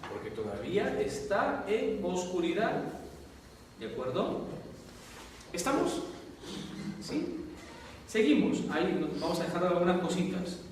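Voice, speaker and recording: This man, a priest with a Peruvian Spanish accent, lectures a Bible class and repeatedly asks whether students are following. His high voice is sing-song and unhurried, with frequent pauses and slight background noise, captured distantly in a very echoey hall or classroom.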